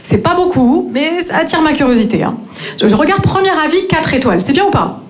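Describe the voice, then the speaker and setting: A woman from north-east France telling an animated stand-up story on a club stage, peppering it with "hein" and laughing asides. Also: high-pitched, a little fast. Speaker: stand-up comedian. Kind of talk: stand-up comedy set. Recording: live club recording with crowd noise. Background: audience laughter.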